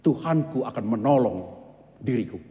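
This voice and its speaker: A man voicing a desperate, pious castaway who pleads loudly and then stubbornly refuses rescue. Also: medium pitch, animated, moderate pace, big-room sound, lightly acted.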